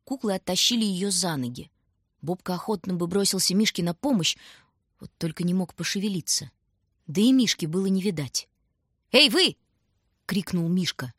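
A woman narrating a children's storybook in a calm, even reading voice, close to the mic. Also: on the low side, fairly quick, husky, dry recording. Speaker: audiobook narrator.

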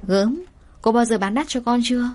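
A woman's voice: a little high, normal speed, lightly acted. Woman playing a kindly market butcher lady. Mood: kindly teasing. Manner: warm teasing, motherly. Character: kind middle-aged woman butcher.

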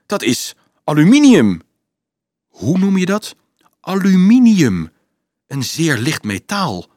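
A man's voice: high voice, sing-song, takes it slowly, a little mellow, no room sound, studio quality, pitched above the performer's own voice, full character voice. A man voicing a shaken, stammering teenage boy. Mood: stunned. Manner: stammering, agitated.

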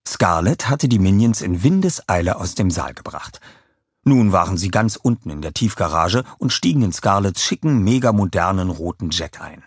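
Male audiobook reader, low husky voice, lively delivery. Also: no room sound, clean studio sound. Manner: lively, expressive storytelling. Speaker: audiobook narrator. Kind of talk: scripted narration.

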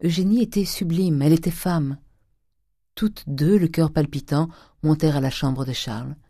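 Measured, dark-voiced audiobook narrator. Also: mid-range voice, no echo, studio quality. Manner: measured, expressive reading. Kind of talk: scripted literary narration.

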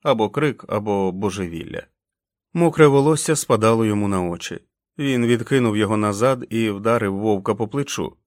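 A man reading a novel aloud as an audiobook narrator, with dramatic, expressive delivery. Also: on the low side, fairly quick, no room sound, clean studio sound.

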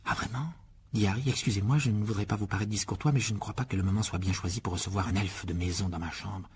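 A man reading an audiobook expressively, with a lively delivery that rises in pitch for dialogue. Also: quick pace, slight background noise. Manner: lively, voices Harry with rising pitch in dialogue. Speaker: audiobook narrator.

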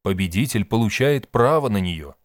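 A man's voice: fairly low pitch, lively intonation, normal speed, no room sound, studio quality, close to an everyday voice. A man voicing an anxious middle-aged housewife who exclaims her words. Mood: insistent. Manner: fretful, exclaiming. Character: host's wife, anxious middle-aged woman.

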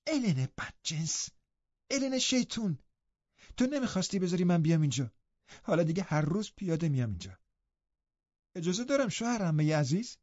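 A man voicing an eager, lively teenage girl in an audiobook, with a high girlish put-on voice and an excited, chattering manner. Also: dry recording. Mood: teasing. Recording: dull, dry audiobook recording.

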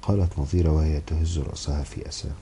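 A man narrating a literary audiobook in a brisk, even storytelling manner. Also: a bass voice, a little hiss or hum, poor audio.

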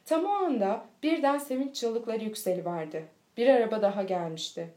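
A woman reading a children's storybook aloud in a steady, clear manner. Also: on the high side, normal speed. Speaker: audiobook reader. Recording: echoey room.

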